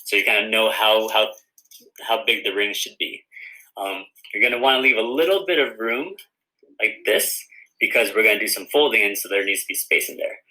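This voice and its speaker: A man's voice: on the low side, fairly quick, sharp tone, poor audio. A man who writes children's books, giving a friendly step-by-step craft tutorial for kids. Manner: friendly, guiding viewers through each step. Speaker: children's author teaching a craft.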